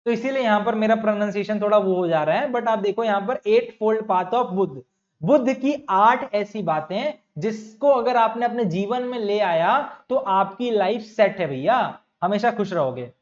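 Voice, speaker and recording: A man's voice: high-pitched, moderate pace. A young male teacher giving an exam-prep lecture, who repeats key words, asks the class questions and calls his students bhaiya and bachcha. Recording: dull lo-fi sound.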